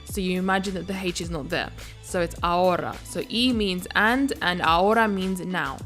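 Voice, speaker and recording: A woman's voice: fairly low pitch, moderate pace, a bit bright, faint music behind. A woman teaching a language video lesson. She explains phrases methodically and breaks them down step by step.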